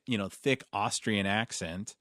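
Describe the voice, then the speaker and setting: A man's voice: on the low side, a little slow, fairly bright tone, no room sound, clean studio sound. A man co-hosting a podcast, chatting casually about films in a loose, rambling, enthusiastic way. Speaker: podcast co-host.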